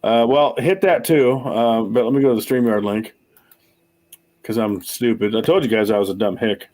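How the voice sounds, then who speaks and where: A man in his forties hosts a casual livestream chat, rambling loosely, swearing freely and poking fun at himself. His mid-range voice moves at a moderate pace with a darkish tone.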